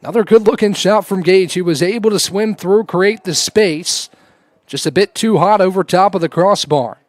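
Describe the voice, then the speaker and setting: A man's voice: sits high, moderate pace, dry recording. A man giving live play-by-play commentary on a lacrosse game. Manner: raises voice to a shout on goals.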